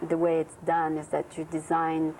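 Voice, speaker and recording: Halting, soft-voiced woman host from Tunisia. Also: low-pitched, monotone. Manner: halting, searches for words. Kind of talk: studio interview. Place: TV studio. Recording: noisy early-1990s TV audio.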